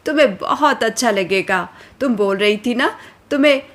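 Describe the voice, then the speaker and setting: A woman's voice: a little high, lively intonation, moderate pace, close to an everyday voice. A woman playing a caring village mother. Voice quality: affectionate, coaxing. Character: warm caring village mother, middle-aged. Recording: faint background music.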